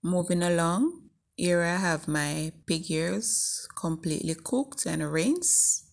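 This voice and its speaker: A woman with a morning voice narrating a recipe step by step in a measured, instructing way as the host of a home cooking video. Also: fairly low pitch, expressive, gravelly. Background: faint music.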